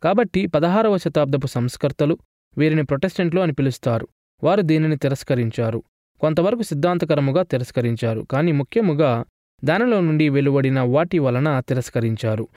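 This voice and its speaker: Male lecturer, voice a touch high, measured scripted delivery, dry booth sound. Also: lively intonation, a little mellow, no room sound. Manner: measured, formal reading.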